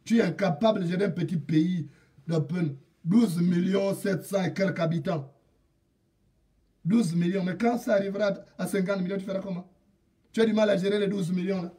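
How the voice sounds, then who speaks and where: A political commentator from Gabon speaks straight to a president in an indignant rant, repeating proverbs and lines for emphasis. His voice is high and mellow with fairly even intonation, at normal speed, recorded from a distance.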